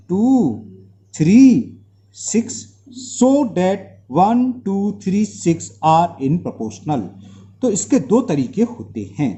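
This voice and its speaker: Here the maths teacher's voice sits high and sounds warm, captured in lo-fi audio. He is a man with an Indian accent who poses rhetorical questions to the class and drills terms through repetition, speaking with slight difficulty because of mouth sores.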